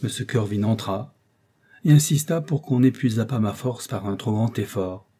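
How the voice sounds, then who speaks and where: A man reading a classic novel aloud as scripted narration, measured, with dialogue voiced more intensely. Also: lowish voice, dark tone, husky. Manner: measured, rising into emotional outbursts in dialogue. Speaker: audiobook reader.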